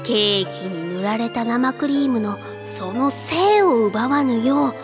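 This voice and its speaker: A woman playing a gentle old grandfather who speaks in a slow, old-fashioned way. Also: on the high side, expressive, music in the background. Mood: kindly.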